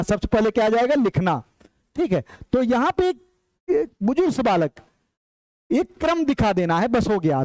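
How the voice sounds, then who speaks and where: The recording is low in quality but free of echo as a very high-voiced man delivers an emphatic exam-prep lecture online. He repeats the key points and keeps calling his audience "brothers."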